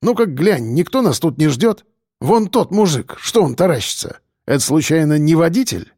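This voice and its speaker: A grumpy heavyset police chief, as an audiobook reader voices him, gruff and curt, grumbling in short bursts. His voice rides a lively, animated pitch. The sound is close and dry. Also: normal speed, no echo, heavily acted. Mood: grumpy, irritable. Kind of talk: audiobook character voice.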